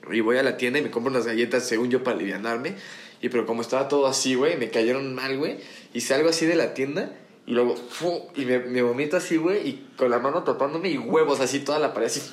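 A man's voice: medium pitch, fast. A young man with a Mexican accent, co-hosting a podcast and telling a story in a crude, slangy, rambling way. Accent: Mexican Spanish. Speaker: podcast co-host. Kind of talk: casual storytelling chat. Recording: echoey room with faint noise.

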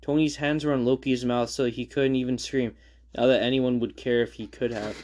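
A man's voice: mid-range voice, little pitch movement, fairly quick, darkish tone. A man co-hosting a podcast, joking in casual chat, laughing while he talks and reading fan fiction aloud. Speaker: podcast co-host.

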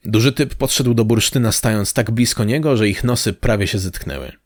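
A man narrating an action audiobook with a lowish voice. His storytelling is steady and even. The recording is dry and close. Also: a little fast, no echo.

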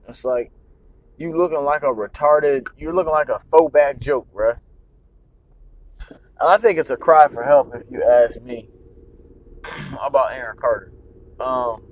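A man's voice: on the high side, a little mellow, poor audio. A young man hosting a casual news show, giving blunt, slangy opinions on celebrity gossip, swearing freely and filling gaps with "um" and "you know what I'm saying". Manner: frequent fillers and trailing asides. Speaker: show host.

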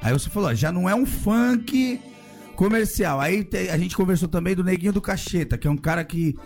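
A man hosts a casual podcast in a fairly high voice. He teases his guest and jokes in slang over faint music. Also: a little fast, vocal fry, a little mellow. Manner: joking, teasing, slangy. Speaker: podcast host.

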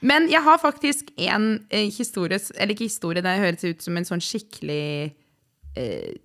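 A woman's voice: on the low side, big pitch swings, a bit bright. A young woman chats on a podcast as one of its hosts. She rambles through her stories, breaks off into digressions and restarts her sentences. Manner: rambling, self-interrupting storyteller. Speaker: podcast co-host. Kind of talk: casual chat.

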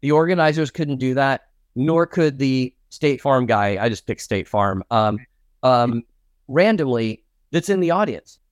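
A man's voice: animated, measured pace, no room sound. A middle-aged man, a networking expert guest, talking with punchy enthusiasm in an interview. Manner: enthusiastic, punchy, acts out his own pitches. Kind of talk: energetic interview talk.

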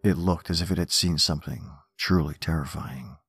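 A man hosting a horror podcast, reading scripted stories and poems in a measured, theatrical manner. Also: extremely low pitch, gravelly, a bit bright, slightly rough, no room sound.

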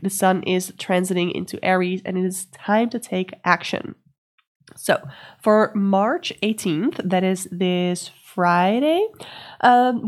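A woman hosting a tarot and astrology podcast, sounding nasal and stuffed up from a cold, explaining in a gentle, earnest way with some ums. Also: medium pitch. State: sick with a stuffy nose. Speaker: podcast host and tarot reader. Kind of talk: casual podcast guidance talk.

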